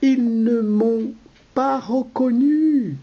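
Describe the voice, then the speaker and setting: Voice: mid-range voice, very slow, husky, lo-fi sound, pitched above the performer's own voice, exaggerated voice. A reader voicing a bustling, social-climbing host in a rehearsal read-through of a play. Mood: hurried.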